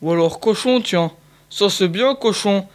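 A man's voice: sits high, measured pace. A man voicing a lazy, cheerful young male hunting dog while reading a children's picture book aloud, eager and exclaiming. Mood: musing.

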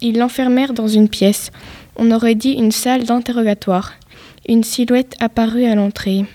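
A woman reading a story aloud in a steady, even way. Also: a little high, moderate pace. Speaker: story reader.

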